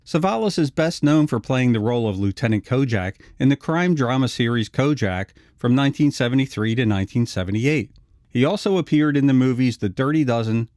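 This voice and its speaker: Man, mid-pitched voice, scripted retrospective narration, very dry recording. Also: a little mellow, no room sound.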